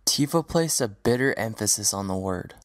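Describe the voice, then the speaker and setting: A man narrating a fan audio drama as a storybook reading in a steady, even manner. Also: lowish voice, moderate pace, dry recording, clean studio sound. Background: faint music.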